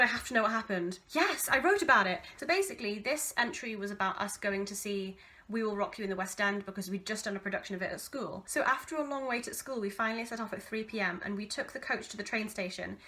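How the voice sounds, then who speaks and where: A woman in her twenties with an English accent reads from an old diary with casual asides, in an animated, self-mocking, theatrically exasperated way. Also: mid-range voice, fast talker. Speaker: vlogger reading her old teenage diary.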